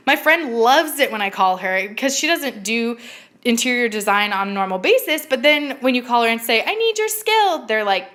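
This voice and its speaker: A woman's voice: on the high side, moderate pace. A woman chatting casually and informally as she gushes through a live home makeover reveal tour. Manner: gushing, excited makeover reveal. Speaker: home decor blogger giving a live video tour. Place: indoors in a home dining room.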